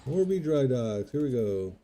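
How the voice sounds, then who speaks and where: Guy mumbling along while he plays a game, super mellow dark voice, faint music in back. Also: mid-range voice, big pitch swings, moderate pace. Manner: muttering to himself while playing. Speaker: gamer, video host. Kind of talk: casual gameplay commentary.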